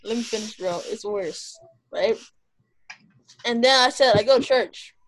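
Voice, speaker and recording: A woman's voice: fairly high pitch, a little slow, a little hiss or hum, poor audio. A young woman telling stories in casual chat, with slangy speech peppered with "bro". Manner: slangy, often saying "bro".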